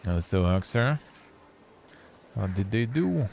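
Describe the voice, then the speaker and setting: A man's voice: fairly low pitch, sing-song, slow, gravelly, darkish tone, a little hiss or hum. A man streaming a video game, thinking aloud in casual, rambling commentary and tagging remarks with "eh?".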